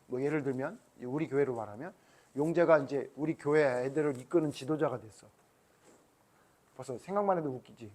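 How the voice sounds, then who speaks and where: A man's voice: medium pitch, a little fast, a little mellow. A middle-aged male pastor giving a children's sermon, asking the kids questions and acting out what the people in the story say. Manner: asks the children questions, acts out voices.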